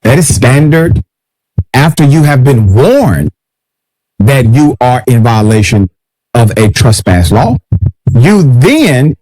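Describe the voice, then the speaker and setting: A man hosting a commentary show, reading out a news story and explaining it in a measured way. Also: mid-range voice, warm tone, no echo, poor audio. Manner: measured, explanatory delivery with uh fillers.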